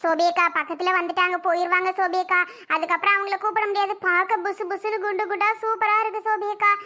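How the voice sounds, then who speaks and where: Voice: very high voice, level tone, quick pace, pushed and bright. A performer voicing a whiny little girl begging her mother for snacks in a family drama skit. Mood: pleading.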